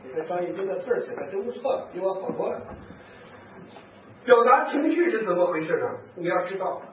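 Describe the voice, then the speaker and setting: Animated priest, distant echoey hall. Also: male voice, high-pitched, fairly quick, narrow, tinny audio, a little hiss or hum. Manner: animated storyteller, acts out quoted speech, chuckles. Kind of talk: lively talk with anecdotes to priests and nuns.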